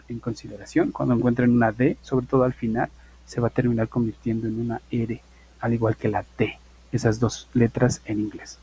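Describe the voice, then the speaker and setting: A male English teacher, giving an online university class and slowly repeating example phrases for his students. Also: medium pitch, a little mellow, slightly rough, rough recording.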